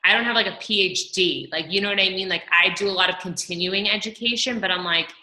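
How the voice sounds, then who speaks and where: A woman's voice: medium pitch, quick pace, pushed and bright, reverberant, poor audio. A woman talking casually with lots of fillers, asking for advice on a coaching call. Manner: rambling, filler-heavy. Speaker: coaching client. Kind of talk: casual chat.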